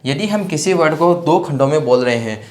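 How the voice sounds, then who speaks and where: A man's voice: a little high, animated, a little fast. A man teaching an exam-prep grammar lesson, repeating each point and often checking in with his students. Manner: repetitive, checks in with "theek hai na" constantly; spells words out letter by letter. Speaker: English teacher.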